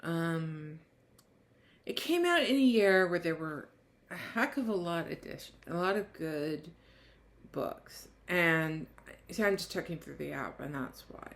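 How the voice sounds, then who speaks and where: A woman with a somewhat low voice reviews a book in a casual vlog. She reads the back-cover blurb aloud, then drifts into loose, rambling chat full of restarts and half-finished thoughts. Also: animated, unhurried.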